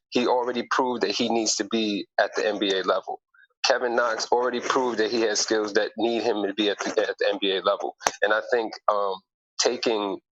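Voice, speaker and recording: A man's voice: fairly low pitch, a bit bright. A man in a casual sports discussion, making his case emphatically and argumentatively with rhetorical questions. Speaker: basketball podcast panelist. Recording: noisy lo-fi audio with clicks.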